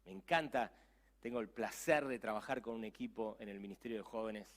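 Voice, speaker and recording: A middle-aged man with a Rioplatense accent preaching a sermon as pastor, animated, swinging between hushed asides and loud exclamations, acting out dialogue. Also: fairly low pitch, a little fast. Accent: Rioplatense Spanish. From Argentina.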